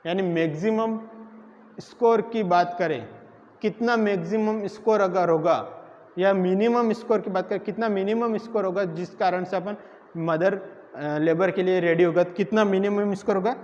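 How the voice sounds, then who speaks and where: A man's voice: high voice, normal speed, a little mellow. A man teaching a nursing exam class, who keeps asking the students questions and answering them himself. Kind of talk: classroom lecture. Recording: echoey room, dull lo-fi sound, faint noise.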